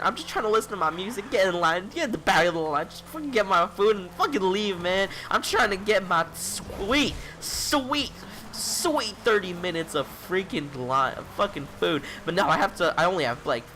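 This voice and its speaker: A man's voice: high voice, pushed and bright, a little hiss or hum. A young man in his late teens ranting in a rambling, exasperated vlog monologue, swearing constantly. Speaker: vlogger.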